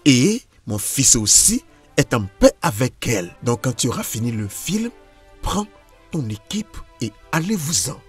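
A man's voice: mid-range voice, very animated, measured pace, soft background music. A man voicing a cold, dismissive husband in a French film dub, talking curtly and firmly. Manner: curt, firm. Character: cold, dismissive husband rejecting his ex-wife.

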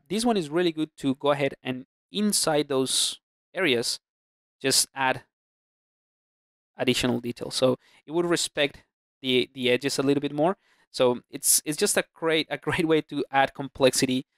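A man narrating a screen-recorded 3D sculpting tutorial, talking through his brushes in a relaxed way with plenty of fillers and restarts. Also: mid-range voice, smooth, no room sound, clean studio sound. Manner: relaxed, thinking aloud with many fillers and restarts. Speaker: ZBrush instructor. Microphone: close mic, voice-over on screen capture.

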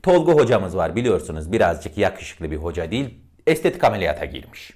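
Low-voiced guy teaching speech tone, voice jumps all over from deep to high on the examples. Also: sing-song, brisk, darkish tone. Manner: demonstrates words by swinging between deep and high tones; addresses listeners directly as friends. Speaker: voice and diction teacher. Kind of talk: instructional lesson on intonation.

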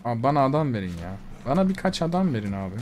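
A man giving casual let's-play commentary, swearing, talking back to the game and bursting out loudly. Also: mid-range voice, big pitch swings, racing, noisy background. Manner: swearing, talks back to the game, loud outbursts. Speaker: gamer streamer. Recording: loud game music behind.

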